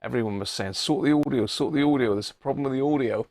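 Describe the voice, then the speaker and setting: This is a casual live chat with demonstration from a middle-aged English radio hobbyist streaming to his channel, rambling as he thinks aloud. His voice is medium in pitch, fast and darkish. There's no room sound, with audio from a wireless body-pack mic.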